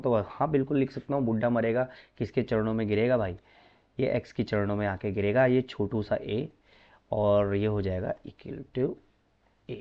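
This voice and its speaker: A man's voice: mid-range voice, highs cut off. A man teaching a maths lesson in a chatty, coaxing way, often addressing students as brother.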